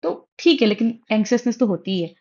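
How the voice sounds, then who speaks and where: A woman's voice: mid-range voice, fast, mellow. A young woman giving casual exam study advice, chatty and mixing English phrases into her Hindi. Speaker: exam prep tutor. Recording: dull lo-fi audio.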